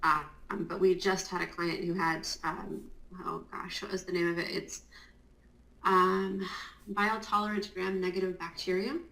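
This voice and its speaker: A woman's voice: fairly low pitch, flat delivery, unhurried, gravelly, a bit bright. A woman in a casual interview explaining Amazon compliance work. She talks in a chatty, explanatory way with many fillers, in her just-woken morning voice. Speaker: guest, Amazon compliance consultant. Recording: roomy echo.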